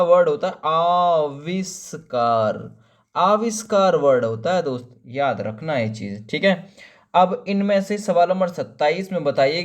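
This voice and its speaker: A man with a slightly raised, friendly voice leads an exam-prep spelling lesson. He goes through each option, answers his own rhetorical questions, and slows to spell tricky words out piece by piece. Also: high voice. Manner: familiar, calls viewers friend and brother. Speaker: teacher.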